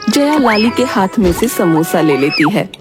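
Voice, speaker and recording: Female narrator for a cartoon story, lively storytelling, music behind. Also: medium pitch, normal speed. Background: background music.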